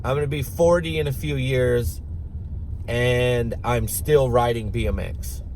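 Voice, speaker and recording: A man in his thirties ranting casually to camera as a vlogger, slow and rambling, with frequent swearing and throat-clearing. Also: medium pitch, steady tone, darkish tone, slight background noise, rough recording. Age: 30s.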